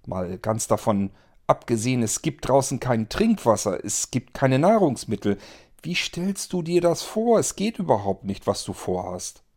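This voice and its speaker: A man's voice: medium pitch, very animated, normal speed, darkish tone, pitched above the performer's own voice. A man reading an audiobook, voicing a blunt, skeptical young woman who argues insistently. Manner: arguing, insistent.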